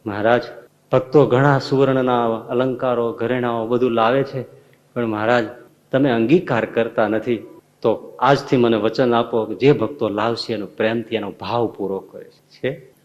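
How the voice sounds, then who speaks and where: A male preacher acting out a devoted elderly aunt who pleads softly and earnestly on her lord's behalf. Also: fairly even intonation, moderate pace, dull audio, close to an everyday voice. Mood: earnest pleading. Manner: soft, low and earnest.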